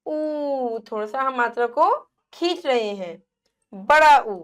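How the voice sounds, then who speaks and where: A woman teacher giving a lesson to young children, sounding out syllables slowly and asking them questions. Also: fairly high pitch, expressive, a bit bright. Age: adult. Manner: slow, drawn-out sounding of syllables; asks the children questions and repeats answers.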